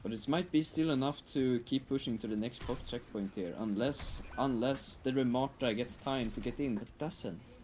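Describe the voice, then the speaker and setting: A man calling plays in an esports match, relaxed with dry remarks. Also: mid-range voice, moderate pace, few pauses, a little hiss or hum. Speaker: esports caster. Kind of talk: play-by-play commentary.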